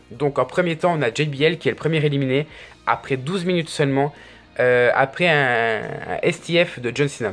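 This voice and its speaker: A man talking on his own in a casual video review, chatty with lots of fillers and restarts. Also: mid-range voice. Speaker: wrestling reviewer.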